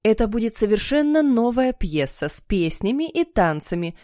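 A woman's voice: on the high side, big pitch swings, normal speed, warm tone, no room sound, studio quality. Stern bossy schoolteacher, as a woman reader puts her on. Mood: explaining. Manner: commanding, brooks no argument.

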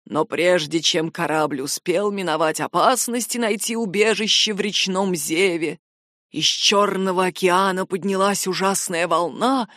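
A woman voicing a grim, shaken nobleman with a hoarse, rasping voice, speaking in slow, halting phrases for an audiobook. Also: medium pitch, a bit bright, dry recording, studio quality. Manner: halting, heavy delivery. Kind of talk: audiobook character voice.

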